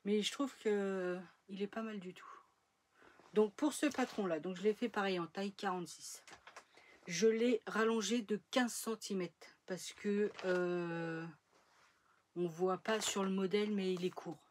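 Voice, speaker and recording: A woman's voice: medium pitch, unhurried, a little mellow, slight background noise. A woman chatting casually in a sewing vlog, rambling with fillers and trailing off as she shows her projects. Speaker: sewing vlogger. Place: home sewing room.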